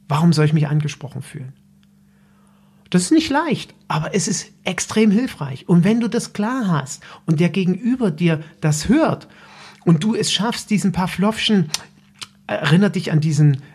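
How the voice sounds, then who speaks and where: A man's voice: a little high, gravelly, a little mellow, husky. A man hosting a solo coaching podcast, giving direct, instructive advice straight to the listener in a loose, unscripted way. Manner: loose, with fillers and restarts. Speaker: business coach and podcast host.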